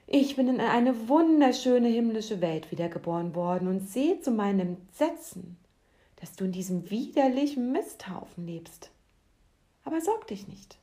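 A woman's voice: a little high, dark tone. A woman voicing a kindly, earnest male heavenly being who coaxes his old friend in a storybook. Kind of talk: storybook narration.

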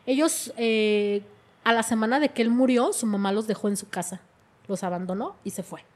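A middle-aged woman with a higher-pitched voice tells her life story at a normal speed as a personal testimony. She speaks emotionally and often repeats her words.

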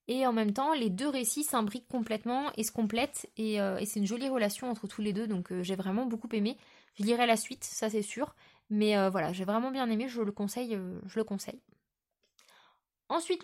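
A woman with a slightly high voice chats casually about her reading. She talks loosely, with frequent fillers and restarts. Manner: chatty, many fillers and restarts. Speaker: book vlogger. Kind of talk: casual book chat.

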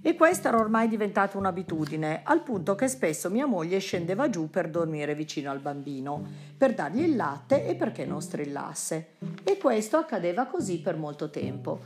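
A woman teacher reading a translated text aloud and explaining it in a lively way, often checking in with her listeners with a quick question. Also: on the low side. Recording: clear music playing behind the voice.

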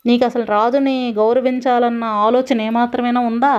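A woman's voice: fairly high pitch, level tone, moderate pace, a little mellow, clear, resonant tone, lightly acted. A woman voicing an arrogant male demon king who scolds and threatens in a storytelling reading. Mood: scolding. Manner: domineering, scolding. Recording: dull lo-fi recording.

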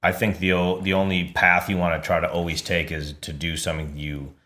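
A man in his forties with a very deep voice that still sounds forceful and bright. He rambles in a relaxed way while co-hosting a podcast with his wife, often restarting his sentences. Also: fairly quick. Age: 40s. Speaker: podcast co-host, DJ. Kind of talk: casual chat.

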